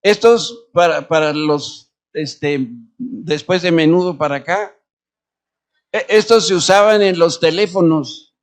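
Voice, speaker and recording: Male pastor, sermon delivery, high pitch, rhetorical and shifting in volume. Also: takes it slowly. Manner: preaching with rhetorical questions and shifts between loud and quiet. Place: church.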